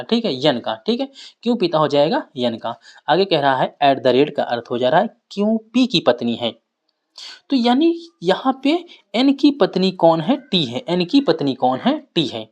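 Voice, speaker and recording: A man's voice: fairly high pitch, big pitch swings, moderate pace. A man teaching a reasoning class, repeating key points and putting questions to his students. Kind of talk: classroom lecture.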